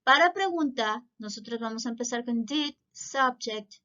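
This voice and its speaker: A woman teaching English grammar in Spanish, giving clear step-by-step explanations and pronouncing English example words. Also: fairly high pitch, expressive, normal speed, sharp tone, lo-fi sound.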